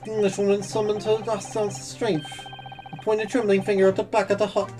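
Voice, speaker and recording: A woman voicing an excitable, indignant and evasive male witness in a game, in a put-on voice that keeps slipping. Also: mid-range voice, fairly quick, music in the background, close to an everyday voice. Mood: hesitant.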